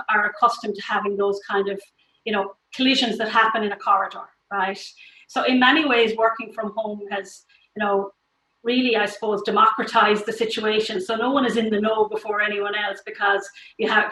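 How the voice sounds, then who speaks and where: A woman's voice: medium pitch, fairly bright tone, echoey room, rough recording. A woman giving explanatory, conversational interview answers over a video call. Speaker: tech industry interviewee.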